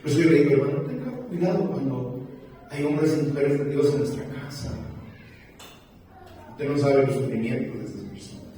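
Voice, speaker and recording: Preacher in an echoey church hall. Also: male voice, moderate pace. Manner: storytelling preacher, swinging between loud emphatic peaks and quiet low passages. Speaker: pastor. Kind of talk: sermon. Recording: echoey church hall from far off, faint noise.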